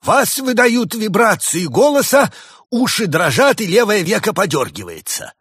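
A man's voice: medium pitch, expressive, a little fast, a little mellow, husky, dry recording, clean studio sound, voice pushed up. A man voicing a stern, commanding male spirit of winter in a read-aloud fairy tale, declaiming indignantly. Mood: solemn.

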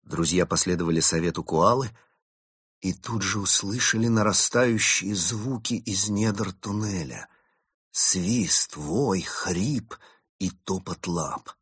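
A man narrating an audiobook story in a steady, expressive reading. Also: low voice, slow pace, breathy edge, dry recording, clean studio sound.

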